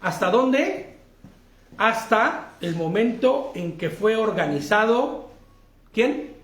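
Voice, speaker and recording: A man's voice: high voice, lively intonation, slow pace, fairly bright tone, echoey room. A Mexican man teaching an interactive Bible study, often asking his listeners questions and laughing easily. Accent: Mexican Spanish.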